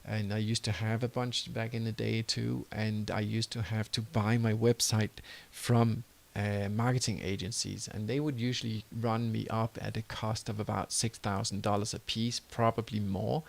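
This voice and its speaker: A web design course instructor from Denmark, with a Danish accent and a fairly low, gravelly voice, walks a viewer through building a website in a screen-recorded tutorial that doubles as a course pitch. His manner is loose: he stops to fix his slips, apologizes, and starts over.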